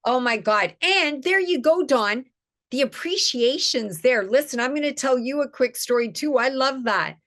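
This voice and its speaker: A woman's voice: sits high, lively intonation, normal speed, fairly bright tone. A middle-aged woman, an image consultant, speaking as a guest in an enthusiastic, emphatic, storytelling manner. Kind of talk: casual interview chat.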